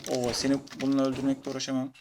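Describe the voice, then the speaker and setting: A man commentating his own playthrough of a shooter game in a casual, chatty way, taunting enemies and breaking into excited shouts. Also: medium pitch, rapid-fire. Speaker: gamer playing through a retro shooter. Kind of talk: casual let's-play commentary. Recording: noisy, game gunfire behind. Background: video game gunfire and keyboard clicks.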